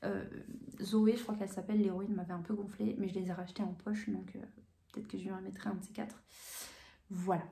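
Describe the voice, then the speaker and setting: A woman hosting her coloring channel, chatting casually in answer to viewer questions at home, calm and hesitant with many fillers and restarts. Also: medium pitch, a little fast, creaky. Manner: calm, even delivery. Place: home room with bookshelves. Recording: roomy echo.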